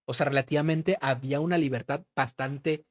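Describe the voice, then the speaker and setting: A man's voice: mid-range voice, steady tone, brisk, no echo. A young man with a Mexican accent, co-hosting a casual political chat and dropping "güey" constantly. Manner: slangy, peppers talk with "güey". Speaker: podcast co-host.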